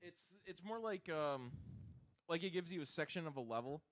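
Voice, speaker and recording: A man's voice: on the high side, expressive, moderate pace. A young man co-hosting a gaming podcast, easygoing and agreeable as he explains game modes. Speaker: podcast co-host. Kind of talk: casual gaming chat.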